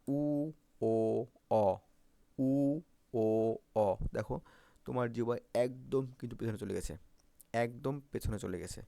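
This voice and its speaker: A man's voice: mid-range voice, gravelly, warm tone. A man teaching Bangla phonetics for exam prep, repeating vowel sounds and often checking if students follow.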